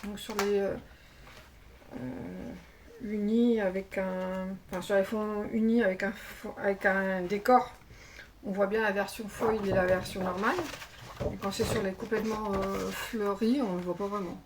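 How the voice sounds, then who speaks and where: A woman chats through a crafting haul, pausing often with little fillers as she hunts for words. Her mid-pitched voice sits a bit back from the mic, with a faint hiss in the background. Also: steady tone, distant mic. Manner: chatty, hesitant, many fillers. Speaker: crafting YouTuber. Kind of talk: casual show-and-tell haul.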